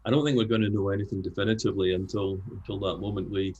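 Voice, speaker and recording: An older Scottish man talks as an interview guest in a very low, husky voice. He is frank and animated, and he often restarts his sentences. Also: racing, lo-fi sound. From Scotland. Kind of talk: conversational interview.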